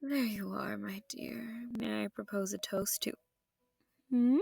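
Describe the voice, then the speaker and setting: A woman performs a sultry, sadistic vampire lady with courteous menace. She lingers over her words with a touch of vocal fry and often slips into a whisper. The sound is dry and intimate, made for a roleplay audio drama. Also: mid-range voice, steady tone, darkish tone, dry recording. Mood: teasing menace. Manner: slow, teasing, genteel menace, often dropping to whispers. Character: seductive, sadistic, possessive female vampire noble hosting her foe.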